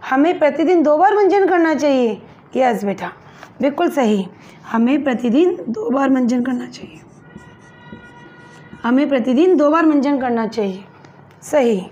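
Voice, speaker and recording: A woman schoolteacher explains a lesson to young children. Her voice sits high and she speaks slowly, breaking words into syllables and answering her own questions. The recording is dull and lo-fi, like a simple home setup. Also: expressive, dark tone. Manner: slow and patient, spelling words syllable by syllable; addresses pupils as "beta", asks and answers her own questions. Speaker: school teacher. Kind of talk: online Hindi lesson for young pupils.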